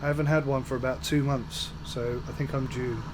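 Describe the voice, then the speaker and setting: A man from the United Kingdom hosts a gaming channel, chatting briskly in a mid-range voice while playing a farming game for viewers. His voice is a little off from a coming flu, and his casual let's-play commentary is relaxed. Faint game engine noise plays behind him.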